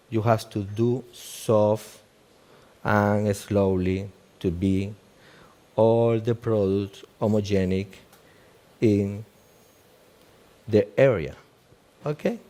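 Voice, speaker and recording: Speaking halting English with a Cuban Spanish accent, a native Spanish-speaking man from Cuba plays a doctor in a live demonstration. He checks in with "okay?" after almost each step, and his voice is fairly low and warm.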